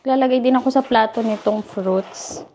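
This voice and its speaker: A woman's voice: on the high side, normal speed, mellow, slight background noise. A Filipino woman with a Filipino accent chatting casually to her viewers while cooking in her home kitchen, often calling them guys. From Philippines. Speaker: vlogger. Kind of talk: casual chat to camera.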